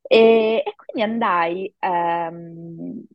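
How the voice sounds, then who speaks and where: A woman in her thirties, an actress and acting coach, telling a story in a lively podcast chat, full of fillers. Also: on the low side, extremely slow, no room sound, muffled recording. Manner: animated storytelling with many fillers. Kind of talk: casual podcast conversation.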